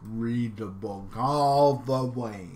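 A man's voice: medium pitch, extremely slow, darkish tone. A man reading out would-you-rather questions and answering them offhandedly in casual commentary. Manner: reads questions aloud, then answers offhand. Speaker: YouTuber.

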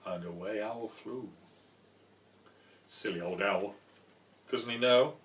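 In a small room at home, a man in his sixties reads a picture book to his grandchildren, playfully coaxing the little ones along with the story. His voice is on the low side, slow, and a bit bright. The camera sits a few feet away, so the sound has a roomy echo and feels a little distant.

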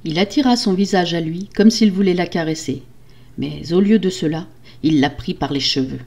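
An older woman telling a fairy tale as a storyteller, in steady, dramatic narration. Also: on the low side, normal speed. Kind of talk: storybook reading.

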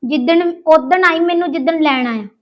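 A woman with a high voice scolds bluntly and sounds defiant. The recording is dull and lo-fi. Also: moderate pace. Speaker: actress playing a demanding mistress. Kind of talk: Punjabi short film acting.

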